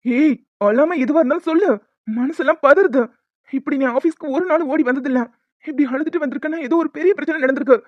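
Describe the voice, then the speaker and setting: A woman's voice: on the high side, moderate pace, no echo, lightly acted. A woman voicing a caring, protective young husband in a cartoon story, tender and earnest. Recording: dull lo-fi audio with faint music.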